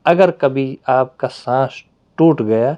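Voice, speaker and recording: A man teaching a Quran reading lesson, explaining patiently with pauses and drawn-out fillers. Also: medium pitch, dull audio.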